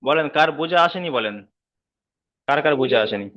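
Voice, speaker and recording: A man's voice: fairly high pitch, animated, normal speed, fairly bright tone, muffled recording. A man teaching an online class on Quran reading, patiently repeating each rule and checking that students follow. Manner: patient, repeats rules many times, checks understanding. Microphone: video call.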